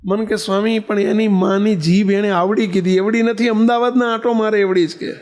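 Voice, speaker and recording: A man's voice: sits high, steady tone, moderate pace, darkish tone. A man with a Gujarati accent giving a sermon as a swami, telling stories and acting out the dialogue, repeating phrases for emphasis. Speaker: swami giving a religious discourse. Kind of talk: sermon with storytelling.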